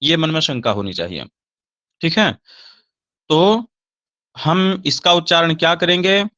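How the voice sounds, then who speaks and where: A man teaching Sanskrit grammar, slowly reciting verb forms in a recorded lesson, with a Hindi accent. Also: a little high, lively intonation, sharp tone, no room sound, lo-fi sound.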